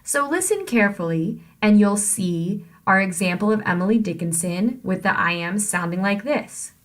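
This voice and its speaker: A woman college English professor giving a recorded lecture, slowly demonstrating syllable stress by exaggerating words. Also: mid-range voice, animated. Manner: slow, deliberate, exaggerating word stress to demonstrate.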